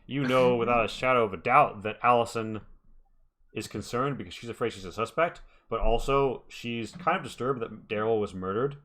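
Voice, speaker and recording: A man's voice: mid-range voice, moderate pace, a bit bright. A man working as game master, narrating a tabletop game in a casual, improvised and hesitant way.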